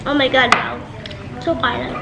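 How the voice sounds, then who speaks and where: A young woman with a high voice and a Filipino accent banters playfully as she vlogs a food challenge. Loud clinking dishes and room noise surround her casual chatter. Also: fairly even intonation, unhurried, creaky, roomy sound. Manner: playful, teasing banter with sibling. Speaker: vlogger.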